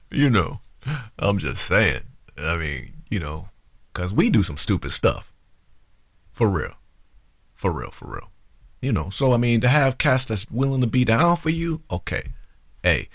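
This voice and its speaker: A man hosting a talk show, giving relationship advice to women in an animated, informal way and acting out both sides of an argument. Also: fairly low pitch, no echo, studio quality. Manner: informal, conversational, addresses the audience directly.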